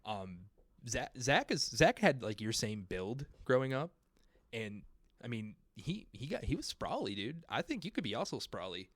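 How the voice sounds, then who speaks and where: A man's voice: mid-range voice, sing-song, normal speed, no echo. A man co-hosting a podcast in casual chat, teasing and laughing with his friends. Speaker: podcast co-host.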